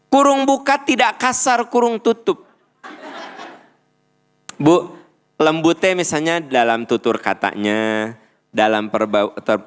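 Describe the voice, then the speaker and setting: A middle-aged man with a Sundanese accent giving a playful, animated religious lecture as a preacher. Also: medium pitch, smooth. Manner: animated, playful, acts out little dialogues. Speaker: Islamic preacher.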